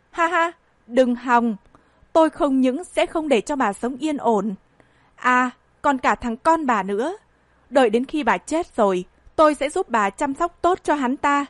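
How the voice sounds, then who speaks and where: A woman's voice: high voice, expressive, moderate pace, no room sound. A woman reading an audiobook voices a defiant young woman who taunts and scorns her family. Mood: taunting.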